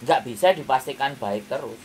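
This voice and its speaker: In a noisy kitchen with frying in the background, a man with a Javanese accent and a medium-pitched, slightly mellow voice gives advice at a moderate pace. The distant recording catches his emphatic, lecture-like counselling chat and its frequent rhetorical questions.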